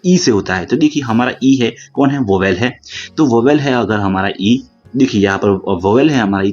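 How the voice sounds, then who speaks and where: A man with a husky, slightly breathy voice explains a grammar lesson, pausing to read English phrases slowly. The recording is dull and lo-fi, with faint music underneath. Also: medium pitch, a little mellow. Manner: repeats "dekhiye" often, slows to read English rules aloud.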